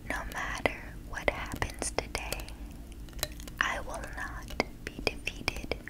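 A young woman gently whispers positive affirmations in a breathy ASMR style, close to the microphone, repeating her phrases. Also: takes it slowly. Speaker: ASMR creator. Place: dim living room, indoors.

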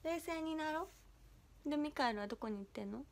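A woman's voice: sits high, animated, fast. A young woman hosting a livestream, chatting playfully and bashfully with viewers and giggling as she reads their comments. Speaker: idol livestream host.

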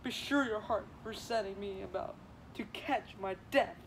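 A man's voice: high-pitched, normal speed, noisy background. A teenage boy playing a weary, teasing old woman nurse in a school Shakespeare reading, drawing out complaints about her aches. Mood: complaining. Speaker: student actor.

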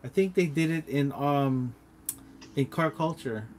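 A man chatting casually on a livestream, halting and correcting himself as he goes. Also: a little high, noisy background. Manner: halting, hesitant, lots of restarts. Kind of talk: casual chat.

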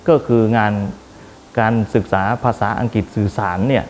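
A man's voice: on the low side, normal speed, slight background noise. A man, a school administrator, explaining the school's subjects in a plain-spoken interview manner.

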